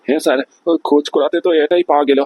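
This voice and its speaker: A man's voice: on the high side, steady tone, racing, a little mellow, dry recording, natural voice. A man playing a deferential employee who reports to his boss, politely fumbling with his words in a comedy sketch. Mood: nervous.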